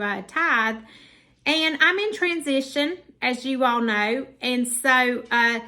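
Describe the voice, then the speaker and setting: A woman's voice: a little high, sharp tone. A woman in her forties chatting casually from her home in a rambling faith vlog full of fillers. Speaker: faith vlogger. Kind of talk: casual devotional vlog talk.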